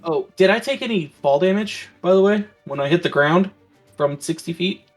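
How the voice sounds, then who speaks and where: Guy at a tabletop game, kinda high voice, lots of ums, faint music behind. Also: expressive, normal speed. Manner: rambling, full of ums and restarts. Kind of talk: casual tabletop game chat.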